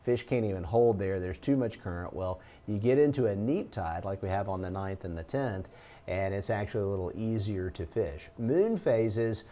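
A middle-aged man, a TV meteorologist giving a relaxed, folksy talk over slides. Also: lowish voice.

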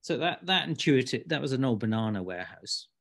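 A man's voice: medium pitch, very animated, a little fast, creaky, a bit bright. A man, principal of an architecture practice, speaking in a panel discussion with many hesitant restarts.

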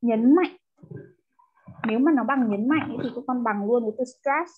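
A woman's voice: fairly high pitch, moderate pace, slight background noise. A woman teaching English, tutoring one pupil and explaining words step by step in with English terms mixed in. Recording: tinny phone-like line.

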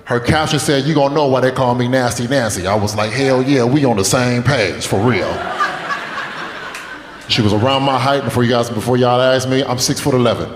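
Onstage in a club with lots of echo and long reverb, a man in his late twenties delivers a stand-up set of loose, profane stories and crowd work while people laugh. He speaks a little fast at medium pitch, with some background noise in the recording.

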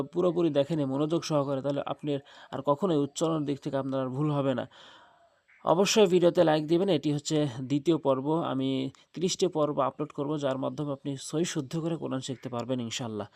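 Gravelly man teaching recitation. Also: on the high side, a little mellow, no room sound. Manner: drawn-out demonstrations of letter sounds; repeats points, urges viewers to watch closely. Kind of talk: spoken lesson on Arabic letter pronunciation.

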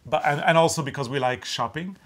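Speaking fast in a fairly high, fairly bright voice, this middle-aged man hosts a craft show-and-tell as its designer. He's a native Norwegian speaker chatting casually in English inside a small room with wood-panelled walls.

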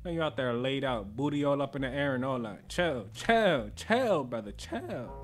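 A man giving joking, slangy commentary as he plays through a video game, with loud reactions. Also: mid-range voice, animated, moderate pace, faint music behind. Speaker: gaming channel host. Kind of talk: casual playthrough commentary.

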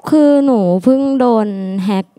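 A young woman university student answering a host on stage, speaking haltingly into a handheld mic. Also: warm tone, dry recording, clean studio sound. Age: young adult. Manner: hesitant, halting. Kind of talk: answering on a talk show.

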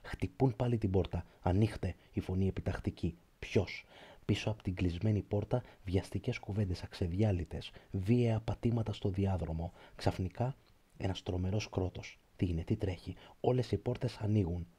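A man reading a literary prose audiobook in a slow, measured, reflective way. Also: sits low, warm tone, breathy edge. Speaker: audiobook narrator.

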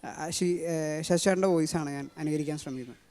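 A man with a Malayali accent introducing his impressions, talking fast with many fillers. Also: fairly high pitch, darkish tone. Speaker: mimicry artist. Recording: long hall reverb.

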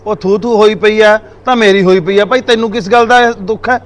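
Man in a village drama, high voice, fast teasing banter. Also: steady tone, a little hiss or hum. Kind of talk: Punjabi village drama acting.

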